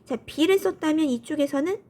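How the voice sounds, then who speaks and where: Female math teacher, high voice, casual quiz-and-answer lecturing. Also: moderate pace, warm tone. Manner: asks questions and answers them herself; colloquial, upbeat, often starts with "so".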